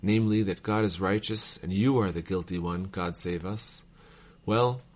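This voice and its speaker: A man reading old letters aloud in a measured, formal cadence, as a reader of devotional texts. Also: low voice, darkish tone.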